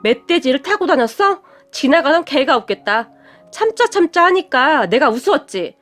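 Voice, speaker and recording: A woman's voice: high-pitched, big pitch swings, moderate pace, a bit bright, faint music behind. A woman voicing a fierce, mocking young wife. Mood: scornful taunting. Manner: scornful, taunting.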